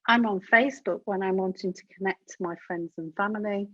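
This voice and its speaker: Woman giving webinar tips, breathy voice, kinda muffled and dead-dry sound. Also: mid-range voice, a little fast, no room sound. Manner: chatty and practical, direct tips to the audience. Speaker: webinar presenter. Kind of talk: instructional webinar talk. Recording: dull dry webinar audio.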